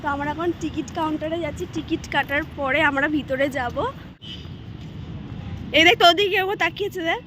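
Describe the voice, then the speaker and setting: A woman's voice: high voice, a little fast, long pauses, background noise. A young woman, chatting to viewers in a casual vlog while filming on her phone. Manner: chatty, addresses viewers directly. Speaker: vlogger. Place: outdoors and in a shopping mall.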